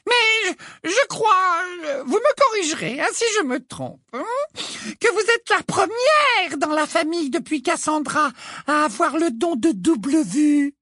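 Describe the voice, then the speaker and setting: A man's voice: very high voice, sing-song, bright, forceful tone, dry recording, studio quality, pitched above the performer's own voice, heavily acted. A man voicing a prim, falsely polite middle-aged female school inspector for a storybook reading. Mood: sugary. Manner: sweet, falsely polite, slow and drawn out.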